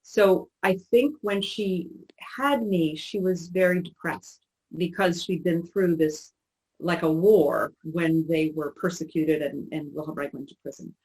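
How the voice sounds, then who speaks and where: A woman in her sixties recalling her childhood in an interview, talking in a halting, reflective way with many restarts. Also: lowish voice, darkish tone, poor audio. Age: 60s. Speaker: interview guest. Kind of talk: personal recollection in conversation.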